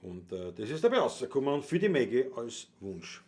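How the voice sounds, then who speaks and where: Performing solo at home, a Wienerlied singer with a Viennese accent hosts his music livestream and reads out comments from viewers. His medium-pitched voice is sing-song, fairly quick and a little mellow, and he rambles easily, chuckling between remarks.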